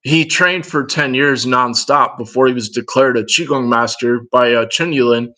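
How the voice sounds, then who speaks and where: A man's voice: mid-range voice, moderate pace, bright, forceful tone, low-quality recording. Rambling Minnesotan man on a livestream. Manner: rambling and digressive, talking to viewers in chat. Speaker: livestream host. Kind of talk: casual livestream chat answering viewers.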